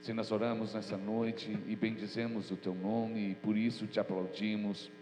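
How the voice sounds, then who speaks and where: This lowish male voice moves little in pitch and keeps a normal speed as a pastor leads prayer and a sermon. Stuffy and nasal from a cold, he still talks in an earnest, informal way. Echo fills the church hall, and mains hum runs underneath.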